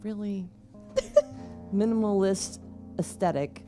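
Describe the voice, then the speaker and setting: A woman's voice: mid-range voice, takes it slowly, mellow, soft background music. A woman co-hosting on radio, reading a comedy skit with dry jokes and easy laughter. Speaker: radio co-host.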